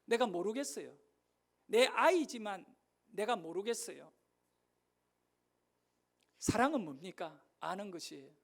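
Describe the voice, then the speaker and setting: Middle-aged male pastor, strikingly high pitch, fervent sermon delivery that swings between loud exhortation and soft anecdote. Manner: fervent preaching, swinging from shouting to quiet storytelling.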